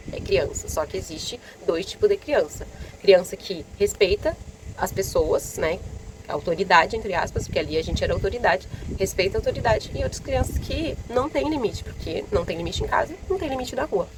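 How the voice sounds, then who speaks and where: A young Brazilian woman vlogger telling a story in a casual, indignant way, acting out what people said. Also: mid-range voice. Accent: Brazilian Portuguese. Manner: indignant, animated retelling with quoted dialogue. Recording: loud vehicle noise behind.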